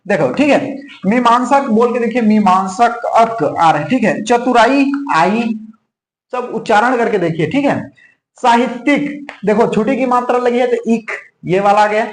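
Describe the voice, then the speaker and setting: A man's voice: high-pitched, echoey room, low-quality recording. A man teaching an online exam-prep class, repeating key points over and over and checking in constantly with the students. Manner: repetitive, drills points with frequent "theek hai".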